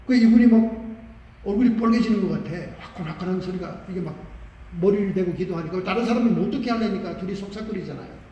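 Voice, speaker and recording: A male pastor with a high voice preaching in a large sanctuary. He tells stories with animated, emphatic delivery. The sound is picked up from a distance and rings with long reverb. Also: fast, highs cut off, a little hiss or hum. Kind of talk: sermon. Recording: echoey church hall from far off.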